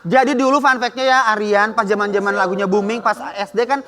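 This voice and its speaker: A man's voice: sits high, fairly even intonation, fast talker, long reverb tail, a crowd in the background. A male morning-show co-host, playfully chiming in with fun facts.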